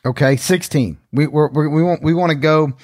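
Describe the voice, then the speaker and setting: A man's voice: a little high, moderate pace, a little mellow, no echo, studio quality. A man co-hosting a podcast in casual chat, working through his points step by step and readily agreeing. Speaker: podcast co-host.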